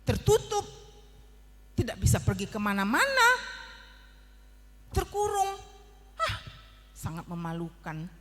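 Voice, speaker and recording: A woman's voice: huge pitch swings, slow, pauses often, a bit bright, long reverb tail, full character voice. Woman playing a bragging little ant. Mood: boastful. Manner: exaggerated storybook voice with big pitch leaps. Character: boastful little ant, later scared and sorry.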